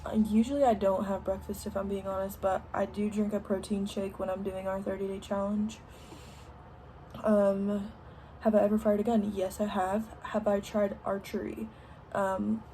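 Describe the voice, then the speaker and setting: A woman's voice: mid-range voice, flat delivery, normal speed, mellow, slight background noise. Chatty young woman with a country twang. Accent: Southern US country. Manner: chatty, many ums and likes. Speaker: vlogger. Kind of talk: casual Q&A while doing makeup. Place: home, indoors.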